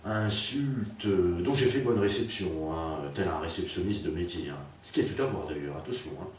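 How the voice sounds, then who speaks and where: Man, deep voice, rambling comic storyteller, punning, heavy echo, faint hiss. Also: normal speed. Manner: rambling, full of fillers and puns. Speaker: comedian. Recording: very echoey, distant, faint noise.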